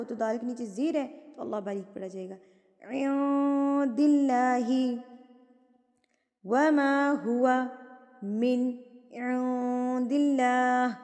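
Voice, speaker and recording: A woman teaching Quran recitation rules, patiently explaining step by step and reciting verses slowly. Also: fairly high pitch, darkish tone, long reverb tail. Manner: patient, explains step by step and asks and answers her own questions.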